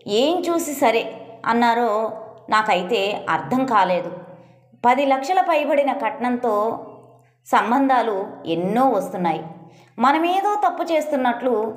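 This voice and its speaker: Reproachful middle-aged mother, indignant, argumentative, raised pitch, read by a woman, echoey room recording. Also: very animated, measured pace, long pauses.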